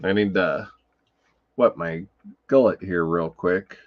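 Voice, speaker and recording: A man hosts a casual film-talk livestream, rambling along with swearing and many fillers. His voice sits on the low side, and the audio is dull and lo-fi. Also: slow. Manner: rambling and profane, full of fillers. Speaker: livestream host. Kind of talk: casual livestream chat about films.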